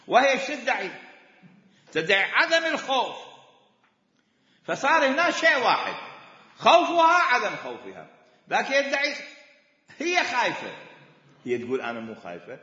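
A lively Iraqi-accented man lectures a class, his pitch jumping around as he drives each point home with repetition. His voice is bright and a little high, and it rings through a large echoey hall on a dull, lo-fi recording. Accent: Iraqi Arabic. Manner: animated, repeats points with emphasis. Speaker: religious law teacher.

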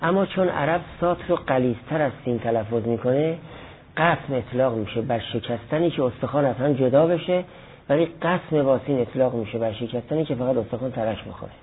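A man's voice: mid-range voice, breathy edge. A man teaching a class on Arabic grammar, explaining step by step with examples and answering students' questions. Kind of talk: classroom lecture. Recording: lo-fi phone-like recording.

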